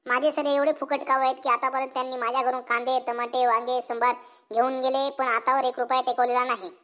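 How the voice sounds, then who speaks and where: Over a very noisy background, a man speaks fast in a very high-pitched, level voice as a cheeky cartoon schoolboy. Blunt and folksy with a rural Marathi accent, the bold character performs comic dialogue and a mock school speech, sounding mock-formal and cheeky.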